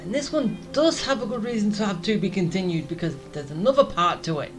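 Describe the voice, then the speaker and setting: A woman plays a video game and chats casually, thinking aloud as a let's player. Her medium-pitched voice is expressive and a little fast, with faint game music behind her.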